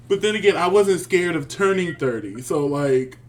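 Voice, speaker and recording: A man in his thirties co-hosting a casual review chat, sassy and animated, calling people "honey.". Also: sits high. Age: 30s. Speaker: podcast co-host.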